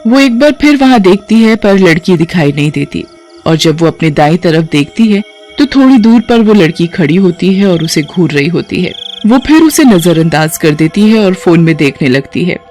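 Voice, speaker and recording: A woman narrating a moral cartoon story in a steady storytelling way. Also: fairly low pitch, normal speed, faint music behind.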